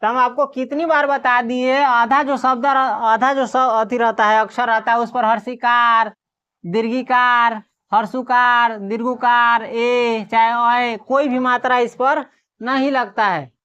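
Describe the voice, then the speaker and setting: A woman teacher giving a classroom lesson on reading Hindi letters. She sounds out letters slowly one by one, then quizzes the class and answers herself. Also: a little high, steady tone, a bit bright. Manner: drills by asking questions and answering them herself. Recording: dull lo-fi recording.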